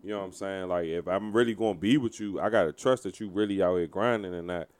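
A man in his thirties with a smooth, resonant voice that sits fairly low. He talks frankly and with emphasis, swearing freely in a relaxed podcast conversation. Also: fast. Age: 30s. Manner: candid, profane, emphatic, trailing filler phrases. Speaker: podcast co-host and DJ. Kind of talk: casual podcast chat.

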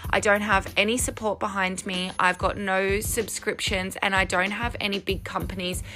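A woman who is a podcast host and coach speaks earnestly and encouragingly to listeners on her solo show, recorded in a room at home using headphones as the mic. Her medium-pitched voice is level, pushed and bright, at a moderate pace, with soft music in the background.

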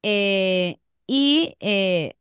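A young Colombian woman chats on a podcast, rambling through stories with easy laughs. Her voice is smooth and resonant, at a middling pitch. The sound is dry and close. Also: animated, extremely slow, fairly bright tone, no echo. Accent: Colombian Spanish. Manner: chatty, laughing, rambling storyteller. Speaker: podcast co-host. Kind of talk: casual chat.

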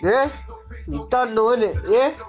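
A man's voice: very high voice, unhurried, highs cut off. A middle-aged man with a south London accent, hosting a casual solo podcast in heavy street slang, with swearing and frequent tag questions. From Brixton, south London. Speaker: podcast host. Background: music.

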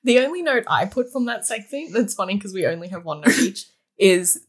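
Husky, animated woman chatting about a book. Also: medium pitch, fairly quick. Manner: blunt, giggly, animated reactions. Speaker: book podcast co-host. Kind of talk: casual chat.

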